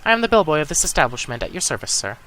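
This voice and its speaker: A man's voice: on the high side, big pitch swings, racing, pushed and bright, slight background noise. A man doing a stiff, overly polite bellboy. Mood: courteous. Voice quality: stiff, formal, ends lines with "sir". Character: overly polite male hotel bellboy, formal and fussy. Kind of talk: reading game dialogue aloud in a let's play.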